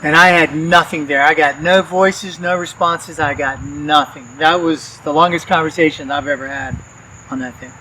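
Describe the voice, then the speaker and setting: Man, ghost-hunting vlog host, hushed, coaxing, slightly high voice, outdoor cemetery at night. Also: fairly even intonation, normal speed, slight background noise, low-quality recording. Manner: hushed, coaxing, talks to spirits. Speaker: paranormal investigator host. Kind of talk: casual vlog narration.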